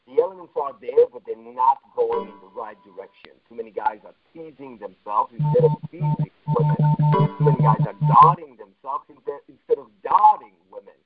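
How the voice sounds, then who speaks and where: A man's voice: medium pitch, a little fast, husky, faint music behind. Give me a muffled man on a phone line, as if heard through a wall. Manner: emphatic, blunt, swears for emphasis. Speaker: dating coach hosting a conference call. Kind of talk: motivational teaching monologue.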